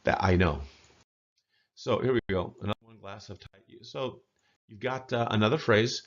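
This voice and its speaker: A man giving a casual spoken language lesson, chatty and folksy, slowly repeating words to model pronunciation. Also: on the low side, lo-fi sound. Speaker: language teacher.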